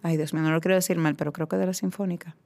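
Effusive actress, lower voice. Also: female voice, fairly even intonation, very fast, gravelly, a little mellow. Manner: effusive, enthusiastic. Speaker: actress and guest. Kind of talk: casual radio interview.

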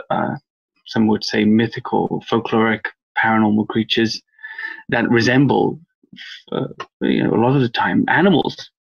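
A Welsh man appears as a guest researcher in a podcast interview done over a call, rambling thoughtfully with plenty of fillers. His mid-range voice is gravelly with a breathy edge, and the audio sounds dull.

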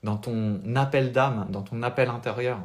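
A man's voice: mid-range voice, normal speed. A young French man with a French accent, a spiritual life coach giving an earnest, motivational talk on a live stream without notes.

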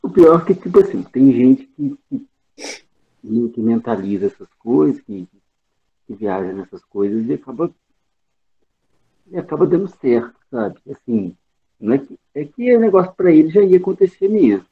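A man's voice: sing-song, normal speed, long pauses, breathy edge, narrow, tinny audio. Man on a phone held away, hesitant. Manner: hesitant, repeats words and restarts. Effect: talking on a video call with the phone held away, sound low and distant. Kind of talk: casual group video-call chat.

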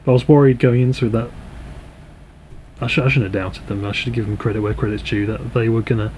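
A man's voice: medium pitch, steady tone, fast, darkish tone, a little hiss or hum, poor audio. A man in a casual podcast chat, joking in a dry, facetious way. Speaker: podcast co-host.

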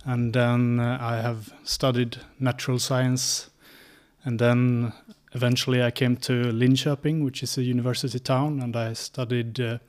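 A Swedish man in his thirties answers interview questions in a calm, orderly way, often stopping on a drawn-out "uh" to find the next word. His voice sits in an ordinary middle pitch. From Sweden. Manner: steady, methodical telling with many "uh" pauses. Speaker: guest.

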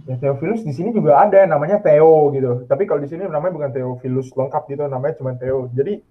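A man's voice: a little high, fast talker. A young man from Indonesia, a student abroad, chatting casually and telling stories animatedly over a call. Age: young adult. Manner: chatty, animated storytelling with laughs. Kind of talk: casual video call chat. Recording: tinny phone-like call audio.

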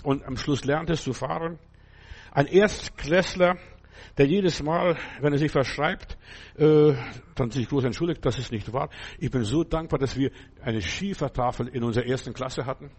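An older male preacher delivers a sermon in a husky, slightly high voice. He sounds emphatic and conversational, and he keeps turning to his listeners to ask whether they follow. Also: moderate pace, darkish tone.

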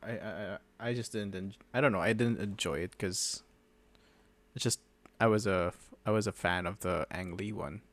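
A man's voice: on the low side, normal speed, no room sound. A young man co-hosting a casual podcast chat, laid-back, stammering and restarting his sentences. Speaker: podcast co-host.

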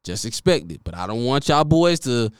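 A young man rants about football in a loose, profane way, his voice leaping high when he is excited and sinking into quiet muttering. His tone is smooth and resonant, and the recording is dry and close. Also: normal speed, no echo. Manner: animated, profane, swings between loud excitement and low muttering. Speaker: sports commentary vlogger. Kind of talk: casual sports rant.

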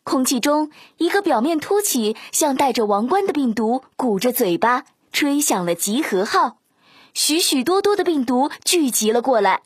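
A woman's voice: sits high, sing-song, normal speed, husky, dry recording, studio quality. A woman narrating a children's story in a sing-song, coaxing way.

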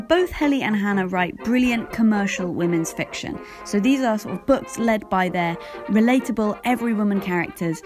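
A woman who edits books, hosting a podcast with an upbeat, emphatic delivery. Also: medium pitch. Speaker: podcast host and book editor. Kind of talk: scripted intro, then casual interview.

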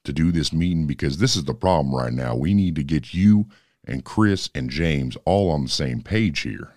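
A man playing an anonymous network boss, his voice disguised and pitched very deep, calmly keeping order in a comedy sketch. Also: moderate pace, dry recording, clean studio sound. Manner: calm, steady, mediating. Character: anonymous male network boss, calm and in charge.

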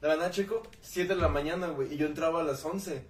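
A young man with a Mexican Spanish accent tells a story among friends, swearing freely and animatedly acting out what the people in it said. His voice is a little high and fast, captured off-mic in a roomy space.

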